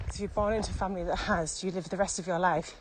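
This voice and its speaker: A woman with a lowish, fairly even voice talks rapid-fire as a podcast co-host, asking questions in a casual, reflective chat. She's walking uphill through a pine grove in Morocco and sounds slightly out of breath. The outdoor walking recording is clearly noisy.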